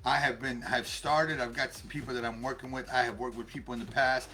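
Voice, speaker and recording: A man's voice: medium pitch, steady tone, brisk, sharp tone. A man co-hosting a casual live stream, rambling in a friendly way with many fillers and restarts. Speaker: co-host and life coach.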